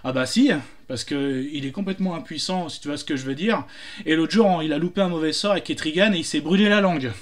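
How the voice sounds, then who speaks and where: A man's voice: fairly high pitch, fast talker. A man telling jokes casually, hesitant, with many fillers and restarts. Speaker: joke teller.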